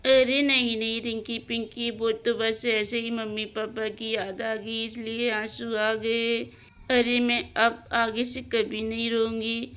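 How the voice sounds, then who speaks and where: A woman voicing a gentle young woman doctor in a doll story, reassuring and soft-spoken. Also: on the high side, flat delivery, slow pace, clear, resonant tone. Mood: tearful.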